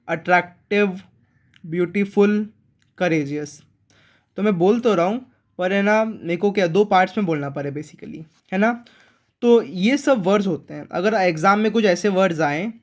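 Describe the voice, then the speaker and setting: Guy teaching grammar, kinda high voice, keeps repeating words and quizzing you. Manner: repeats key words and asks the viewers questions. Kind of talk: online grammar lesson.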